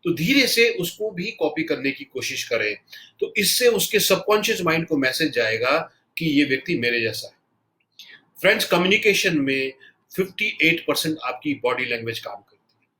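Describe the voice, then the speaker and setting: Fast, loud, bright-voiced man teaching. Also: a little high. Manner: fast, loud and animated, says so himself; mixes English words into Hindi. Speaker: NLP trainer. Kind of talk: spoken tutorial.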